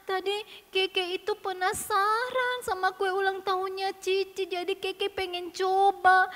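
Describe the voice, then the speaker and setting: A woman's voice: extremely high pitch, expressive, sharp tone, long reverb tail, voice pushed up, full character voice. Woman doing a pleading little kid sibling. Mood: apologetic. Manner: slow, pleading, childlike. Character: curious mischievous little younger sibling.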